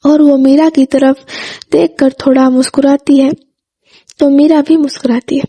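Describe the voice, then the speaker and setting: Story narrator: woman, high and mellow-voiced, steady and plain delivery. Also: normal speed. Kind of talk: scripted narration.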